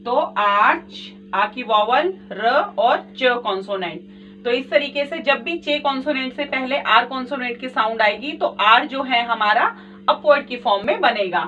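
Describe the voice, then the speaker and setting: High-voiced lady explaining shorthand rules slowly, over and over, kinda far off dull mic w faint hiss. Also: bright, forceful tone. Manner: patient, repetitive, addresses viewers as friends. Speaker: shorthand teacher. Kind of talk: step-by-step tutorial explanation.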